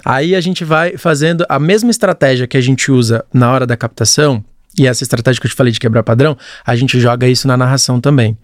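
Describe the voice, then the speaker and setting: A young man from Brazil, a podcast guest, talking in a lively, chatty way. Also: mid-range voice, quick pace, dry recording, clean studio sound. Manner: animated, chatty, laughs often, acts out quotes. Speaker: podcast guest, content creator. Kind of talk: casual chat.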